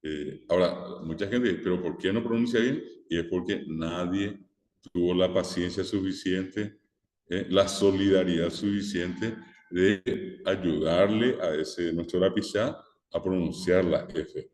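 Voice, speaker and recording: A man's voice: sits low, steady tone, takes it slowly, a little mellow. A male teacher gives a recorded class, explaining step by step and checking in with "¿verdad?". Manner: explanatory, repeats key words, frequent "eh" and "¿verdad?". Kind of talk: recorded online lecture. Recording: echoey room with long reverb.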